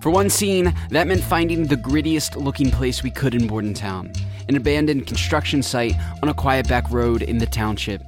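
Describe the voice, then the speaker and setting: A man in his twenties narrating a scripted documentary story in a measured, reflective way. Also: medium pitch, animated, music in the background. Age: 20s. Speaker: narrator and reporter.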